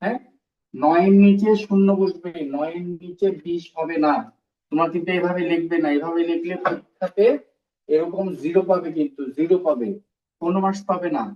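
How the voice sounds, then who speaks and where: A man's voice: fairly high pitch, fairly even intonation, a little fast. Man teaching math, distant and roomy. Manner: explains step by step, repeats terms, quizzes pupils. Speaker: primary school teacher. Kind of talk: recorded classroom math lesson. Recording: roomy, distant and dull-sounding.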